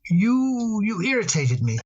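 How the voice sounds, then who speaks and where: A man acting in an old radio drama as a tender father talking fondly to his daughter, gentle and a little halting. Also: high-pitched, sing-song, breathy edge, lo-fi sound, exaggerated voice.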